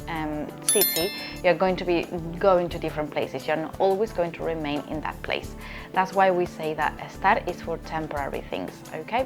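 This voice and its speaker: Woman from spain teaching a language class, lowish voice, keeps asking okay?, faint music behind. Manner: explanatory, repeats "okay?" to check understanding. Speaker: Spanish teacher. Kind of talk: online language lesson.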